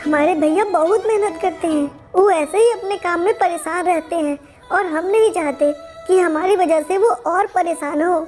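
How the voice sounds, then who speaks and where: A man's voice: very high-pitched, normal speed, soft background music, pitched above the performer's own voice. A man voicing a timid, hungry young boy who pleads and apologizes to a cruel sister-in-law in a game story video. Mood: gloomy.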